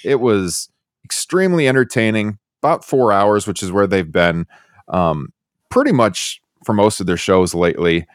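Lively low-voiced male podcast host. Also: moderate pace, dry recording, clean studio sound. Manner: chatty, easygoing, self-deprecating. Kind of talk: casual podcast review chat.

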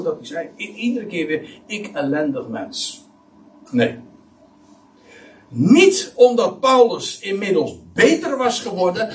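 A man preaching a Bible-teaching sermon, emphatic and full of restarts. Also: high-pitched. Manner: animated, emphatic, many restarts. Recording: voice somewhat far from mic.

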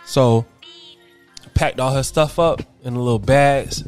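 A man's voice: measured pace, faint music behind. A man hosting a podcast, telling a personal story in a casual monologue. He speaks bluntly, curses often and acts out both sides of his phone calls in his own voice. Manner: animated, swings between loud and low, quotes people in his own voice; blunt and profane, lots of fillers. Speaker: podcast host.

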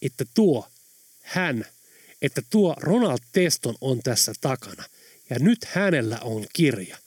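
Audiobook role: determined adult man, lively delivery, read by a male narrator. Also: fairly high pitch, no room sound, clean studio sound.

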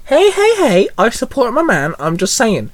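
A man's voice: very high voice, wildly swooping pitch, moderate pace, no room sound, pitched above the performer's own voice, full character voice. A man voicing a playful, teasing young woman in a fan fiction reading. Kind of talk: fan fiction read aloud.

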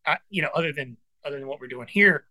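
A fifty-year-old guest musician talks fast in a sharp, rather high voice, chatting casually and earnestly. He's encouraging and keeps calling his host brother and dude.

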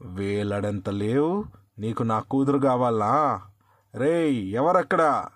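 A man's voice: medium pitch, steady tone, fairly quick, dry recording, studio quality, lightly acted. A man doing a raging, commanding storybook king. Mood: scornful. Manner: loud, commanding shouts. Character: angry haughty king, older man.

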